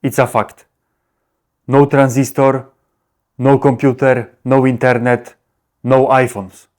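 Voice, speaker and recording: A man's voice: mid-range voice, flat delivery, takes it slowly, a little mellow. A man giving a simplified explainer in caveman-like broken English, with short blunt phrases and dropped little words. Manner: short clipped phrases, often checking with "okay?". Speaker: presenter explaining electronics.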